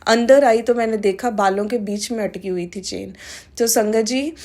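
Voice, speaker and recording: A middle-aged woman sharing a devotional testimony with a congregation. She talks haltingly, with many fillers, and mixes English phrases into her Hindi. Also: mid-range voice, darkish tone.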